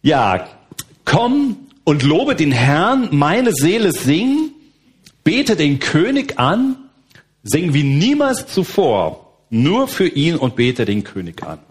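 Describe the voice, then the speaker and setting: A middle-aged man from Berlin preaching a sermon as a guest pastor, relaxed and conversational with frequent fillers. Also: on the high side, slow. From Berlin, Germany.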